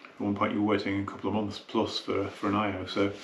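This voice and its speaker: Unboxing gear at his hi-fi shop, this man talks through his thoughts casually, now and then wandering off the mic. His lowish voice is totally flat and rapid, and the echoey recording carries room noise and clicks.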